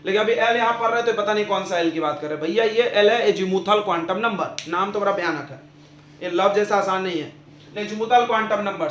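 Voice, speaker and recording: A chemistry teacher with a high-pitched, fairly bright voice gives a classroom lecture, drilling students with repeated questions and answers. The recording is roomy, dull, and lo-fi.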